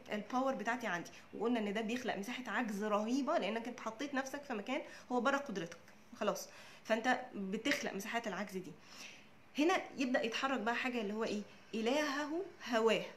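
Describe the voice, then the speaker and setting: A young Egyptian woman speaks quickly in a slightly high voice, like a therapist thinking out loud. She keeps asking herself questions and answering them in a lively, casual way. A faint hiss sits under the recording. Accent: Egyptian Arabic. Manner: lively, asks and answers her own questions. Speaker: psychotherapist and coach. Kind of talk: casual talk to camera.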